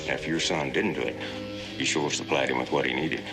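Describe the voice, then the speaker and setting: A hard-nosed bounty hunter talks in short, blunt, cold sentences with a low voice. A loud orchestral score runs under him on an old TV western soundtrack. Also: male voice, fairly even intonation, brisk, over music. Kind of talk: 1960s TV western acting.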